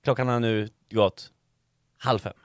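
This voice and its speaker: A man telling an animated comic story as a podcast co-host, swearing a lot and mixing in English phrases. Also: on the low side, no room sound, clean studio sound.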